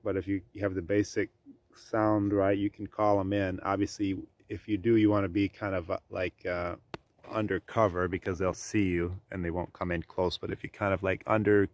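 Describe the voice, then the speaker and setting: A middle-aged man with a very low voice talks casually to his camera about life on his farm. He rambles, pausing often on ums and uhs as he goes. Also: no room sound. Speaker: farm vlogger.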